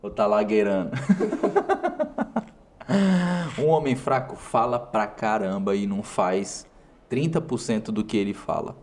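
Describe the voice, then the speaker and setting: A man's voice: on the low side, moderate pace. A man with a Brazilian Portuguese accent delivers a motivational talk. He addresses the viewer directly and stresses his points with short, punchy phrases that he often repeats. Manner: emphatic, speaks directly to the viewer. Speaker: host.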